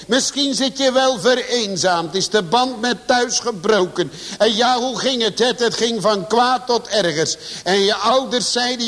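A man preaching a sermon to a congregation, swinging his pitch and volume for emphasis. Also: fairly bright tone. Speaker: pastor. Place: church. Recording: long church reverb.

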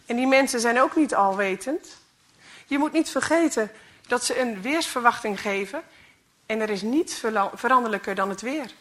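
A woman's voice: on the high side, expressive, normal speed, a bit bright. Cheerful teasing radio man in a storybook reading, read by a woman. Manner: teasing, good-humoured.

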